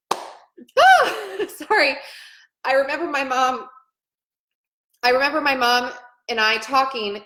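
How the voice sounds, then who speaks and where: In an echoey room, a woman in her thirties, a nurse who vlogs, gives an emotional, earnest account of her own experience and repeats phrases along the way. Her voice is a little high and fairly bright.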